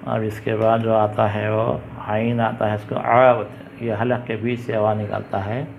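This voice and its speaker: A man teaching the Urdu alphabet, sounding out each letter patiently and repeating it loudly. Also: on the low side, flat delivery, normal speed, vocal fry. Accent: Indian Urdu. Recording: dull lo-fi recording with faint background hiss.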